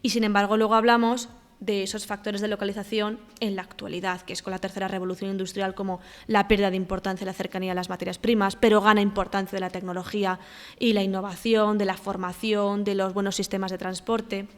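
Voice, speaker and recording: A woman's voice: mid-range voice, level tone, fast talker, in a large hall. A woman with a Spanish accent from Spain, teaching and walking through exam answers, with filler sounds and frequent checks for understanding. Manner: explanatory, checks in with "¿vale?", hesitant fillers. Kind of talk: exam walkthrough lesson.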